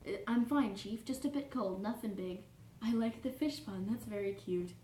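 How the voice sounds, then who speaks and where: A woman's voice: medium pitch, normal speed, dark tone, close to an everyday voice. A woman voicing a prim, fussy young male troll who reads aloud in a pedantic, formal way, always correcting and apologizing. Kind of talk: cosplay character reading fanfiction aloud. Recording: roomy echo, distant mic, faint noise.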